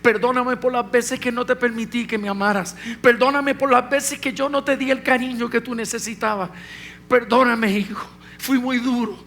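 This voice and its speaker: A man's voice: extremely high pitch, fairly even intonation, moderate pace, bright, forceful tone, full character voice. A man voicing a remorseful older father who pleads with his son for forgiveness during a sermon story. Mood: pleading. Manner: pleading, repeated apologies.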